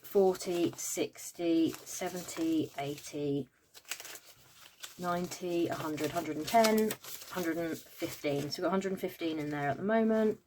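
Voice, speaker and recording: A tired British woman chats through her savings in a relaxed vlog, counting coins and notes aloud with plenty of "um"s. Her voice sits fairly low. Faint clicking noise is heard behind her. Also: a little slow. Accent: British English. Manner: chatty, counting money aloud, with frequent "um" fillers. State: tired and yawning. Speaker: budgeting vlogger. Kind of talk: casual cash-stuffing vlog chat.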